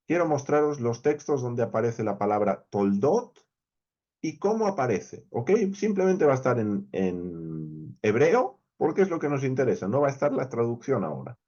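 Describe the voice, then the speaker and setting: A man's voice: medium pitch, very animated, normal speed, darkish tone, dull audio. A man with a Spain Spanish accent, teaching a verse-by-verse Hebrew Bible lesson. He explains step by step, counts letters aloud and checks in often with his listeners.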